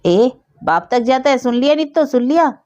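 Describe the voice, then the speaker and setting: A woman's voice: fairly high pitch, animated, normal speed, mellow, lo-fi sound, voice pushed up, lightly acted. A woman voicing a quarrelsome old grandmother who nags and scolds. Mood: scolding. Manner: scolding, nagging.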